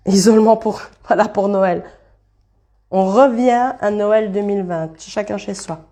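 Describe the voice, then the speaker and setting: A woman with a mellow, warm voice gives a relaxed card reading on a live stream. She talks loosely and thinks out loud, breaking off to greet viewers by name. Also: medium pitch.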